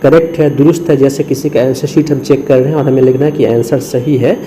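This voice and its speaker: A man's voice: medium pitch, fairly even intonation, dark tone, a little hiss or hum, poor audio. A man from India teaching Urdu script, patiently spelling out letters syllable by syllable and mixing English words into his explanations. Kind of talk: screen lesson.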